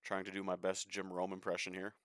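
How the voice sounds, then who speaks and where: A man's voice: deep voice, completely flat delivery, fairly quick, a bit bright. A young man casually talking through a sim racing live stream, chatty and swearing freely with an offhand joking manner.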